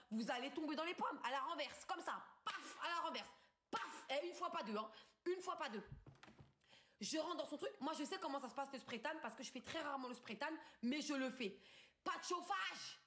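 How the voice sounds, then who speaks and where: A woman's voice: high-pitched, fairly quick, fairly bright tone, slight background noise. A woman in her twenties from France, ranting angrily in street slang and swearing as she tells a story on a live stream from her bedroom. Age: 20s. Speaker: livestreamer. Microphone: phone camera.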